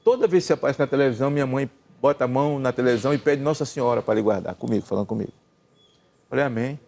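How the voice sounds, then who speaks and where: An older Brazilian man telling a long personal story in casual chat, acting out the dialogue with lively swings in his voice. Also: medium pitch, racing, vocal fry. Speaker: gospel singer and senator telling a story.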